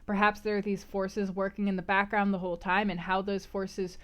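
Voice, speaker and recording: Speaking a little quickly at a medium pitch, this woman runs a laid-back book club livestream. She discusses the book and fields chat questions with animated emphasis.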